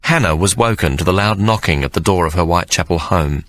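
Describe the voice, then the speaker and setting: A man narrating an audiobook in a measured storytelling manner. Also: deep voice, fairly bright tone. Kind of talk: scripted narration.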